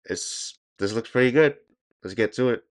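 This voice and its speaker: Smooth-voiced casual male reactor. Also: mid-range voice, normal speed. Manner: slangy, casual interjections. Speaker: reaction video host.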